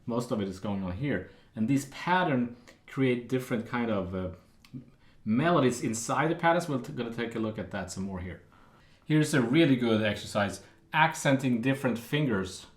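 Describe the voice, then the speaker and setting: A man giving a casual guitar lesson, explaining patterns in a relaxed way with fillers. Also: medium pitch, normal speed, echoey room. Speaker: guitar teacher. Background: acoustic guitar playing.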